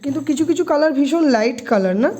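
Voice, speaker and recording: A woman's voice: sits high, animated, fast, darkish tone. A woman vlogging from her kitchen and balcony at home, chatting in a rambling way with many fillers. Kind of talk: casual home vlog chat.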